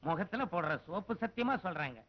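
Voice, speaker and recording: An actor playing a sly, wheedling village man who carries gossip and flatters, in a dull film soundtrack. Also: high voice, fast talker.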